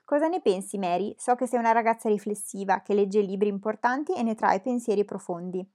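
A woman voicing a dry, ironic middle-aged gentleman who teases his family in slow, measured speech. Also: medium pitch, lightly acted. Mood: wry teasing.

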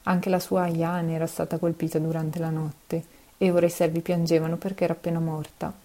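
A woman reading a children's novel aloud, steady and expressive. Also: sits low, a little fast. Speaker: narrator. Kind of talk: storybook reading.

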